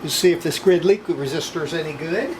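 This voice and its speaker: An older person shows off their own radio restoration, narrating the hands-on work casually and folksily while often muttering to themselves. The setting is a small, cluttered indoor electronics workshop. The mid-range voice moves fairly quickly, with roomy sound and a noisy background.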